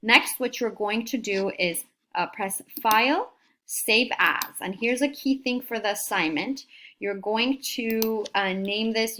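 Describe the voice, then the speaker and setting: Amid slight background noise, a career coach with a medium-pitched, fairly bright voice guides students through a screen recording step by step. Her tone is cheerful and encouraging as she clicks through each stage.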